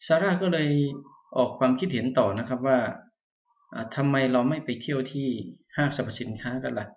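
A man's voice: mid-range voice, a little fast. Patient male English teacher, echoey room. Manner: patient, frequent "ah" fillers, polite particles. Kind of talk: explaining a dialogue line by line.

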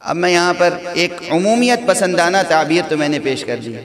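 A man's voice: sits high, expressive, normal speed, crowd noise. A male religious scholar giving a lecture, building points through rhetorical questions and emphatic repetition. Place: lecture hall gathering. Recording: reverberant hall with audience.

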